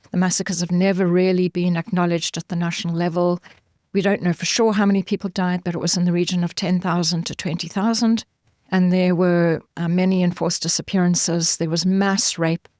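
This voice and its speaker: A middle-aged woman from Zimbabwe speaks in a fairly low voice, measured and earnest, pausing with ums as she explains. The sound is dry and close, with no room around it. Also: a little mellow, no echo. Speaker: guest, forensic anthropologist. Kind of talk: thoughtful interview answers.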